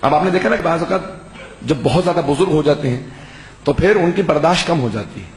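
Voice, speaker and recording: A man's voice: a little high, lively intonation. Impassioned male preacher in a roomy hall. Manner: impassioned storytelling, rising to shouts. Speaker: religious scholar. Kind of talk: Shia majlis sermon. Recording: roomy hall sound, faint background hiss.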